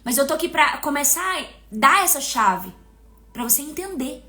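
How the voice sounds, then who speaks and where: A woman with a Brazilian accent giving an emotional devotional teaching, stressing key words by slowing down. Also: high voice, expressive, bright, forceful tone. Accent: Brazilian Portuguese.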